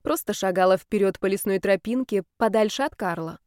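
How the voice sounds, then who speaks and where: A woman narrating a novel in the first person, wry and even. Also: medium pitch, brisk, dry recording, clean studio sound. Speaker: audiobook narrator.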